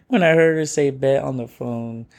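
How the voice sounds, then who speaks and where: A young man hosting his own podcast, talking in a relaxed, chatty way and laughing often, into a studio microphone at home. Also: medium pitch, a little slow. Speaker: podcast host. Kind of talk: casual solo podcast reflection. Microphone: studio microphone and webcam.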